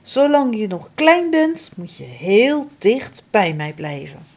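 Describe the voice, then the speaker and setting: A woman voicing a gentle, protective mother deer in a storybook, speaking high and urgently. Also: sing-song, slow pace, full character voice. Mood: warning. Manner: urgent, pleading, raised pitch.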